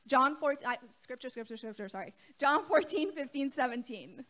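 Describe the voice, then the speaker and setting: A woman's voice: high voice, expressive, moderate pace, bright, forceful tone. Woman preaching a conversational sermon. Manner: conversational preaching, asks the congregation questions. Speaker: co-lead pastor.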